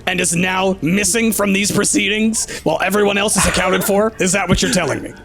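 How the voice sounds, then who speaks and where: A man's voice: high-pitched, fairly even intonation, a little fast, vocal fry, a bit bright, faint music behind. A man narrating as game master in a tabletop roleplaying game, with a playful manner.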